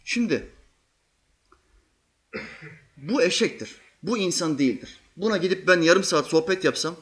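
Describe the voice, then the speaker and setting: A man giving a religious sermon, telling vivid stories and acting out quotes, swinging between loud and hushed. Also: sits high, breathy edge. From Turkey. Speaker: preacher.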